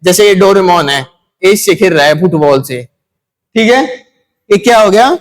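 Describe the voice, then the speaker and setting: Slow-talking male grammar teacher. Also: sits high, animated. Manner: asks and answers his own questions; repeats key words for students. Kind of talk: classroom grammar lesson.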